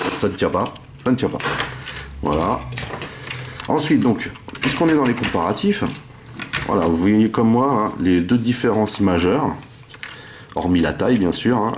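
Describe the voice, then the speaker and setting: A man reviewing a toy in a casual, hesitant way, filling his sentences with pauses and filler words. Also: on the low side, background noise.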